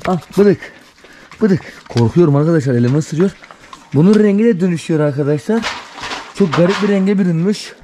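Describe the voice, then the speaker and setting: A man doing casual vlog commentary, talking excitedly to puppies as he feeds them. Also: fairly high pitch, brisk, background noise. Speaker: vlogger.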